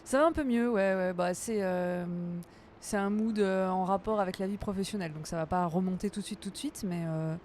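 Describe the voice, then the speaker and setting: A woman chatting casually with her live-stream audience while gaming, playful and quick to laugh, her voice a little tired. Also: mid-range voice, darkish tone, slight background noise.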